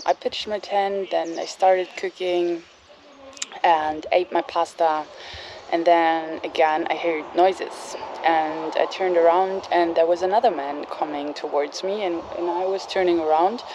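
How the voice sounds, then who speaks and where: A woman's voice: on the low side, steady tone, slow, noisy background. A woman telling a story in a casual vlog from a campsite, hesitant with lots of fillers. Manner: hesitant, many fillers and restarts. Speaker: bicycle traveler vlogger. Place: outdoors at a campsite.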